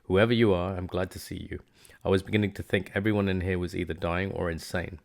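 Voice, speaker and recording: A man's voice: sits low, fairly even intonation, quick pace, creaky. A man voicing a shaken young male outcast who sounds anxious.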